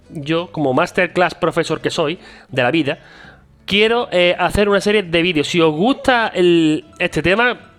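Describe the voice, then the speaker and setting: Spanish-accented man, middle-aged, playful self-mocking vlogger, slightly high voice. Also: fairly bright tone. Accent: Spanish from Spain. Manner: joking, self-mocking, chatty. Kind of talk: joking casual language vlog.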